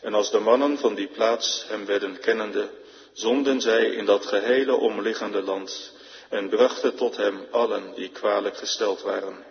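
A man giving a solemn, measured reading of scripture in church. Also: on the low side, fairly even intonation. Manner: measured, formal. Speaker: scripture reader. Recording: reverberant, dull lo-fi church recording.

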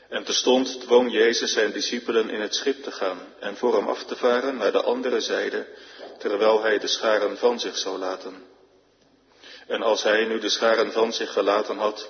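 Low-voiced man reading scripture in a hall. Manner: measured, formal. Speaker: scripture reader. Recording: reverberant, dull lo-fi church recording.

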